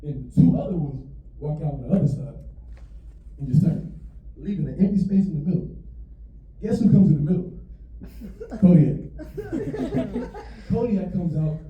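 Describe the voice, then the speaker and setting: A young man tells a stand-up story with a lively, fairly high voice and acts out every character in it. He is picked up from a distance in a roomy, echoing venue. The sound is muffled and dull, and audience laughter rises behind him. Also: normal speed, long pauses. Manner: animated, acts out voices of grandma and dogs. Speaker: stand-up comedian. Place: comedy venue on stage.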